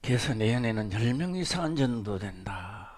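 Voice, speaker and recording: A middle-aged male pastor with a Gyeongsang Korean accent preaching a sermon, moving between loud exclamations and low, hushed asides. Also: animated, moderate pace.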